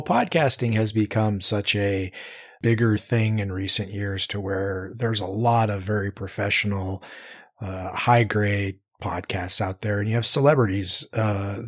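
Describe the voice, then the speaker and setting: A man hosting a casual interview, relaxed and stopping often with fillers and restarts. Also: on the low side, breathy edge. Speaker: interviewer, podcast host.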